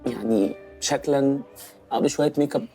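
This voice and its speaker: A man's voice: medium pitch, a little fast, vocal fry, warm tone, faint music behind, close to an everyday voice. An actor playing an awkward young man who stammers and hesitates with many fillers, speaking Egyptian Arabic. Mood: nervous. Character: awkward young man confessing love, nervous. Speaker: leading man in a comedy drama series.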